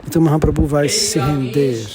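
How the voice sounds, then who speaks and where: A man giving a devotional lecture to a gathering, repeating and restarting phrases and slowing down to stress key terms. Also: on the high side, expressive, a crowd in the background. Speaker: religious lecturer.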